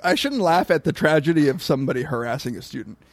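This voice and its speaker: A man's voice: on the high side, very animated, fast, gravelly, no room sound. A man co-hosting a podcast in casual chat, laughing and incredulous, rambling through his thoughts. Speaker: podcast co-host.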